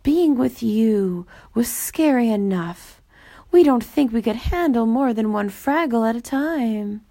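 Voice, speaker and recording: A woman reading aloud lends her voice to a band of shy, polite storybook ghosts. They stammer and draw their words out, lifted higher and a touch louder than the narration. The recording is dry and close. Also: lively intonation, takes it slowly, dry recording. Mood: nervous. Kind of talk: storybook character voice.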